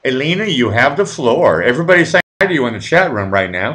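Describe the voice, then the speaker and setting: A man's voice: mid-range voice, big pitch swings, quick pace, a bit bright. A middle-aged man hosting a live show with casual, joking chat, rambling and often stammering into his sentences.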